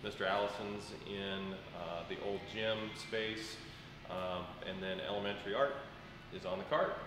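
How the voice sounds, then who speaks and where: A school administrator in his thirties, with a lowish voice and a moderate, steady pace, explains the construction work during an on-site walkthrough, gesturing and using many fillers. He is indoors in a large, empty classroom still under construction. A distant camera mic captures the echo of the bare room along with background noise.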